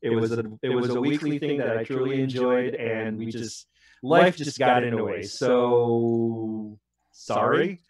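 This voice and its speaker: A man hosting a casual gaming podcast, excitable and rambling, laughing between his words. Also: mid-range voice, unhurried. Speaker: podcast host. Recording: roomy echo.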